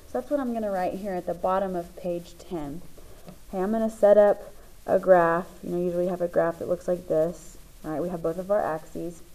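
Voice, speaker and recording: A woman's voice: fairly low pitch, warm tone, slight background noise, poor audio. A woman teacher patiently explaining the parts of a graph, step by step, as she writes notes. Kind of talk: classroom lesson explaining graphs.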